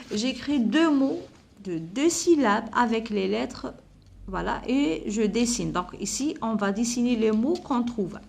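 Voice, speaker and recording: A woman teaches young pupils at a slow, careful pace, in a voice pitched a little high. She says each word several times and spells out its letters and sounds. Now and then she drops in an Arabic word to explain the meaning. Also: gravelly. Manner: spells out letters and sounds, repeats words slowly; mixes in Arabic words to explain vocabulary. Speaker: primary school teacher. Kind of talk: slow classroom lesson explanation.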